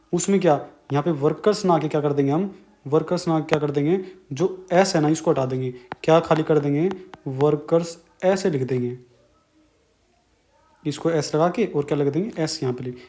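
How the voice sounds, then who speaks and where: A man's voice: fairly high pitch, normal speed, darkish tone. A man with an Indian accent teaching an exam-prep grammar lesson, explaining step by step and asking and answering his own questions.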